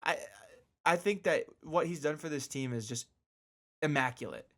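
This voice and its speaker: On his casual solo radio show, this man has a fairly high, slightly bright voice at normal speed. His talk is informal and slangy, and he leans on repetition for emphasis.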